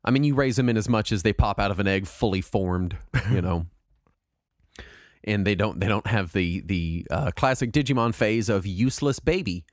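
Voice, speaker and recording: A man hosting a podcast in casual, jokey, self-deprecating chat, his throat raspy from a cold. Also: fairly low pitch, fairly quick, few pauses, no echo, studio quality. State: sick with a mild throat cold and cough. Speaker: podcast host.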